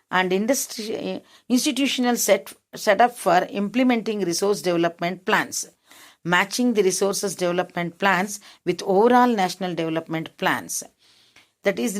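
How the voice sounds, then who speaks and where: Indian woman teaching a lesson. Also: medium pitch. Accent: Indian English. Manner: rephrases each point in simple words, asks if it is clear. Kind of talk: classroom lesson, reading then explaining.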